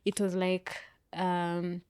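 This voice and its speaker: A woman's voice: on the low side, completely flat delivery, takes it slowly, a little mellow, clear, resonant tone, dry recording, clean studio sound. A young woman, speaking earnestly and reflectively as an interview guest, with frequent fillers. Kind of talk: candid personal conversation.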